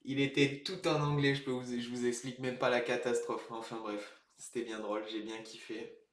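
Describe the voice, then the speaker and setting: A chatty man hosting a live card-opening stream from a room at home. He greets viewers in the chat, laughs at his own jokes and keeps up a loose running talk. His voice sits at a middle pitch, and the room gives it a noticeable echo. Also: flat delivery, moderate pace.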